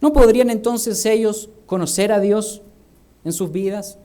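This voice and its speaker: A man's voice: sits high, unhurried, warm tone. A male minister with a Chilean Spanish accent, preaching a sermon full of rhetorical questions. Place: church.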